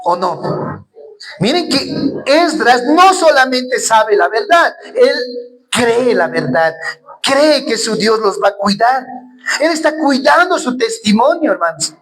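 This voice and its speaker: A man's voice: very high-pitched, sing-song, slow, fairly bright tone, poor audio. A man preaching a sermon in a church. He speaks earnestly, asks rhetorical questions and keeps turning to the congregation as brothers.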